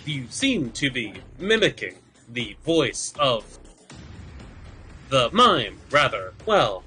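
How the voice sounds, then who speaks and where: A man putting on a robot voice for a formal, measured construct character in a tabletop game. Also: medium pitch, sing-song, sharp tone, soft background music, exaggerated voice. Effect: robot voice put on by mouth, no filter.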